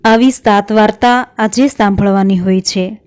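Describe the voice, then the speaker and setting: A woman reads a devotional folk tale aloud with a smooth, clear voice. Her pitch sits at an ordinary middle height. She tells it in a steady, even storyteller's manner. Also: measured pace.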